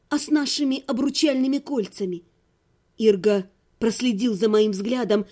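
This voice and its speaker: A woman with a high voice reads a first-person audiobook. Her narration is even and expressive, in a storytelling style.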